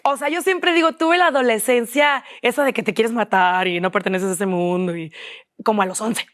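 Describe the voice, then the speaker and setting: A woman's voice: fairly high pitch, moderate pace. A young woman with a Mexican accent, a guest in an interview, talking candidly and quoting herself and others often. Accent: Mexican Spanish.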